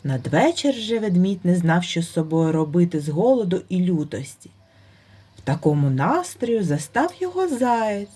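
A woman storyteller reading a folk tale for children in an expressive way. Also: lowish voice, moderate pace, breathy edge.

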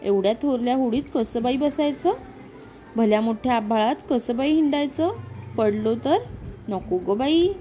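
Woman voicing a tiny lisping girl, storybook, high voice. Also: normal speed, warm tone, faint music behind, natural voice. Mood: frightened. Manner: babyish lisping talk. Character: tiny lisping little girl, shy and sulky.

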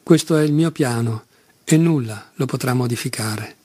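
A man's voice: mid-range voice, normal speed, mellow, slightly rough, no room sound, lightly acted. A man reading as Mitya, a tormented young convict. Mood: scheming. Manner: impulsive, pleading, self-reproaching. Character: condemned young Russian man, passionate, self-loathing.

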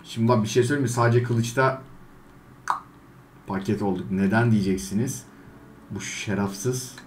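A man doing gameplay commentary, trash-talking game characters and swinging between loud outbursts and low mutters. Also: normal speed, slight background noise. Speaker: gaming YouTuber.

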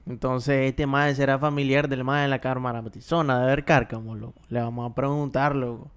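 A man's voice: mid-range voice, level tone, a little fast, clear, resonant tone. A young man with a Nicaraguan Spanish accent, co-hosting a casual podcast with loose, slangy banter. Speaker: podcast co-host. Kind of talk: casual chat.

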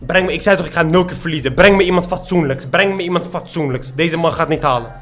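A man's voice: fairly high pitch, fast talker, fairly bright tone. A young man giving boastful, trash-talking commentary over his own gameplay. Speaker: gaming YouTuber.

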